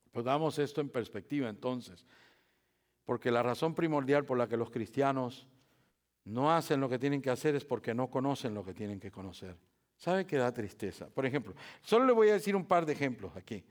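Spanish-language preacher building to loud emphasis. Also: male voice, medium pitch, lively intonation, moderate pace. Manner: preaching with rising, shouted emphasis and rhetorical questions; repeats phrases for emphasis. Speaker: pastor. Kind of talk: sermon. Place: church.

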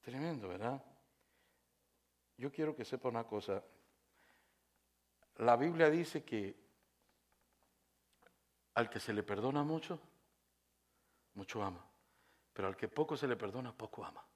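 A male pastor preaching a sermon, swinging from quiet asides to shouted praise and acting out voices of the congregation. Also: mid-range voice, lively intonation, a little slow, long pauses.

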